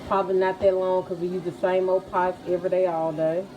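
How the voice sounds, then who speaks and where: Casting: mom vlogger, female, lower register, folksy and chatty, recorded at home with clear background noise. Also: flat delivery, brisk, dark tone, rough recording. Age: adult, mother of children. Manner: folksy, addresses viewers as y'all and guys. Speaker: family vlogger. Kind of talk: casual chatty vlog to viewers. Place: at home, indoors.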